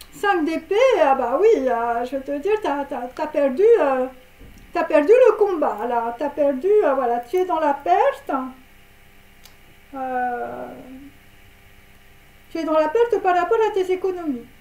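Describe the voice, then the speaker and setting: A woman's voice: sits high, expressive, a little slow, pauses often, a little mellow, roomy sound. A woman giving a casual tarot reading, rambling with many fillers and tag words and giggling at her own jokes. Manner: rambling, heavy on fillers and tags. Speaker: tarot card reader.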